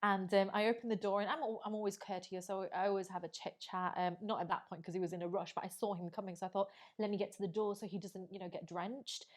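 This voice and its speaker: Woman, mid-pitched voice, jokey, laughs a lot, casual podcast talk. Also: steady tone, quick pace, hardly any pauses. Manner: jokey, laughs often, teasing asides. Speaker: podcast co-host. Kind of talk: casual chat.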